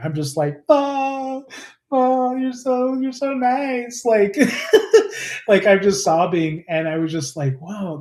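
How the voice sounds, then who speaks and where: A fairly high-voiced man with a slightly mellow tone rambles earnestly on a casual live stream, looping back with fillers and restarts. The echoey room makes his voice bounce a little off the walls.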